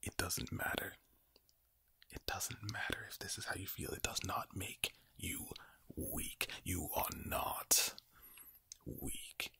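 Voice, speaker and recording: Speaking slowly and deliberately, this ASMR creator with an Irish accent repeats soothing affirmations in a low, gravelly, breathy whisper, his pitch swinging hugely.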